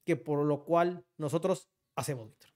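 A man's voice: fairly high pitch, normal speed, a little mellow. A young Mexican man co-hosting a joking countdown chat, teasing and dropping his partner's name after nearly every line. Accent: Mexican Spanish. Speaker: co-host.

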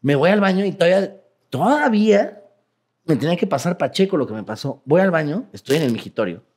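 A man with a Mexican accent, telling profane, animated stories as a guest in a casual interview. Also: fairly high pitch, fast talker, slightly rough. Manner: profane, animated, laughing while telling anecdotes.

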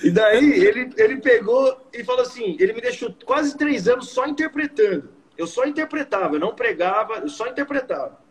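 Young Brazilian man, high voice. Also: fairly quick, hardly any pauses, rough recording. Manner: slangy, animated, peppered with "mano" and "velho". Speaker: guest preacher. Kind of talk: casual storytelling.

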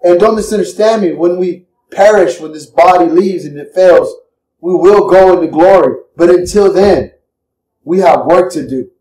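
Male preacher, fervent and repetitive, mellow voice, mic a little far off. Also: high voice, normal speed, echoey room. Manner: impassioned, repetitive, emotional. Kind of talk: sermon.

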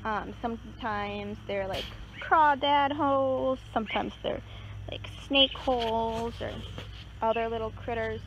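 Woman nature guide on a pond walk, relaxed and chatty, fairly high voice, loud crickets and insects around her. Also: a little slow. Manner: relaxed, chatty, many fillers and hedging words. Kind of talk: casual outdoor nature walk explanation. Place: outdoors beside a pond. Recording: outdoor recording with clear insect and cricket noise. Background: crickets and insects in a rural setting.

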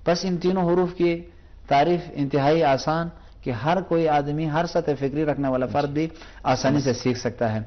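A man teaching Quran recitation on a televised lesson, patiently explaining pronunciation and repeating each sound slowly as a demonstration. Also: fairly high pitch, steady tone, muffled recording.

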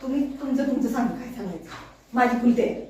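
A flustered young wife scolds and frets in a high, piercing voice, as a woman acts her out for a TV serial. She talks loudly, half-laughing as she panics. The sound is boomy and distant, caught from across a big echoing room. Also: lively intonation, fast talker, a little hiss or hum, close to an everyday voice. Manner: shrill, agitated, half-laughing. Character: flustered, loud young woman in a household drama. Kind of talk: rehearsing a TV serial scene. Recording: echoey room from far off.

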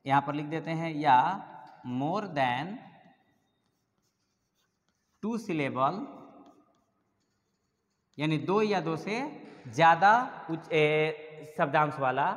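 A man's voice: fairly high pitch, expressive, extremely slow, long pauses, fairly bright tone, in a large hall. A male English teacher explaining a grammar lesson step by step, often spelling words out letter by letter.

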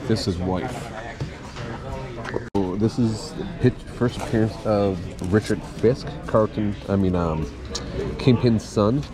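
Crowd noise surrounds a middle-aged man whose voice sits on the low side and moves slowly. He resells collectibles and chats to the camera at an auction house. He thinks out loud and keeps backing up to restart his thoughts.

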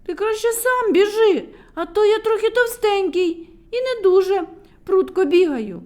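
A woman's voice: very high-pitched, animated, a little slow, darkish tone, pitched above the performer's own voice. A woman voicing a chubby, lazy little boy shorty who whines out his excuses. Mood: whiny excuse.

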